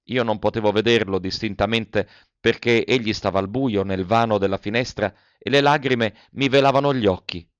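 A man reading a first-person letter novel aloud with emotional, lingering delivery and soft pauses. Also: on the low side, no room sound. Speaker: audiobook reader. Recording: dull, dry lo-fi audiobook recording.

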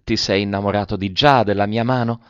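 A secretive masked noblewoman, as a male reader puts her on, teasing and softly reproachful. The voice sits low and dry in a dull lo-fi recording. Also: fairly even intonation, fairly quick, clear, resonant tone, no room sound, lightly acted. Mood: mysterious. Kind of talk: audiobook reading.

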